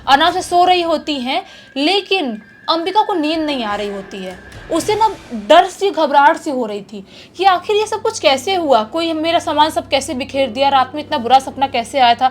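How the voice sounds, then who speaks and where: A woman's voice: sits high, expressive, normal speed, slight background noise. A woman telling a true horror story in a chatty, casual way, often repeating words for effect.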